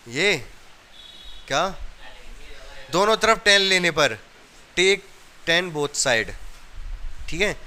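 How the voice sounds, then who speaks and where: A man's voice: a little high, bright, forceful tone, a little hiss or hum. A man from India teaching a maths class, explaining each step and often checking that the students have understood.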